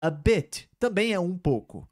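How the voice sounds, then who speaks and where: A man's voice: high voice, sing-song, measured pace, dry recording, studio quality. A man teaching English, patiently explaining phrases from a clip and checking in with tag questions. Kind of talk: explaining a show clip line by line.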